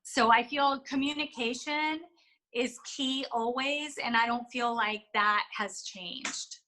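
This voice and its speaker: A woman's voice: fairly high pitch, takes it slowly, bright, forceful tone, poor audio. A woman giving interview answers as a flight attendant, explaining things in a chatty way with examples.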